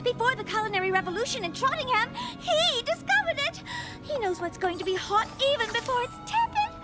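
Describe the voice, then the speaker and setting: A woman's voice: very high voice, very animated, fairly quick, over loud music. A woman voicing a refined young female cartoon pony designer, theatrical, gushing and easily flustered. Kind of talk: cartoon dub acting.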